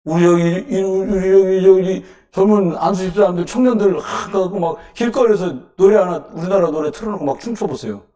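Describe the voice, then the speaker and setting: A man preaching a sermon at a Wednesday church service, firing off rhetorical questions and breaking into sudden loud emphasis. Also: high-pitched, a little fast, hardly any pauses, far from the mic. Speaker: pastor. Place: church sanctuary.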